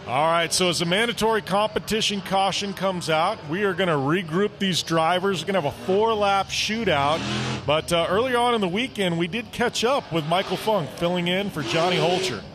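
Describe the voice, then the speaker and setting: High-voiced man calling a race. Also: normal speed, noisy background. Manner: excitable, rises sharply during close racing. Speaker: play-by-play commentator. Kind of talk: live race commentary.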